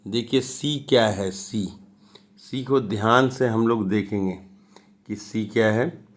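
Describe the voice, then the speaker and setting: A man with a Bihari accent, a school science teacher, slowly explaining worksheet answers and mixing Hindi with read-out English. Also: lowish voice. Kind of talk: classroom lesson explaining answers.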